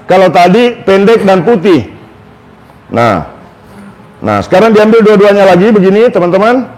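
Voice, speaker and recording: A man's voice: high voice, a little mellow, rough recording. Man coaching a patient. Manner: coaching and instructing step by step, calls out words to repeat. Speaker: massage therapist demonstrating on a patient. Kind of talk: instructional demonstration video.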